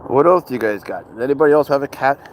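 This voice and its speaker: Talking very fast and with animation, a medium-pitched man hosts a casual livestream, rambling as he reads viewers' comments and answers their questions aloud. He grew up in Spain, and slight background noise can be heard.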